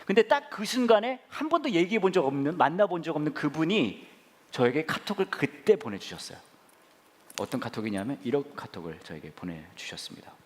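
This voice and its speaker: A man pastor telling stories in a humorous sermon, playful and animated, acting out others and bursting into shouts. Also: on the high side, a little fast. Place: church sanctuary.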